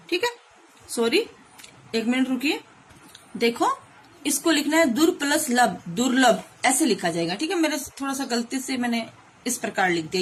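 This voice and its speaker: A woman schoolteacher giving an online grammar lesson to children. She explains slowly and patiently, step by step, often asking checking questions. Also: high voice, fairly bright tone, slight background noise.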